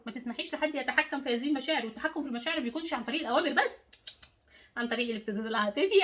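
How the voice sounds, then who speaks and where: A woman's voice: high voice, fairly bright tone. A woman life coach with an Egyptian accent giving an emphatic motivational talk to the viewer, repeating words and phrases for stress. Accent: Egyptian Arabic.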